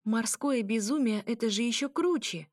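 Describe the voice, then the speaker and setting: A woman voicing a brash young noble mermaid woman, loud and commanding, laughing often. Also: a little high, animated, brisk, dry recording, clean studio sound, voice pushed up, natural voice. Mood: boisterous.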